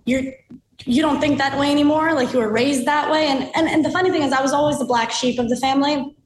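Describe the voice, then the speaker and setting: Young New woman, high voice, fast casual chat, echoey room with faint hiss. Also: steady tone. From United States. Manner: quick, chatty, with many fillers. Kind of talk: casual conversation.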